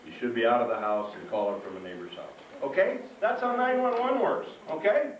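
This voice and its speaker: A man with an expressive, medium-pitched voice, talking a little fast, leads a fire-safety show for schoolchildren as a firefighter. His live presentation is informal and instructive, peppered with questions checking understanding. It's captured from far away in an echoing hall, with faint noise.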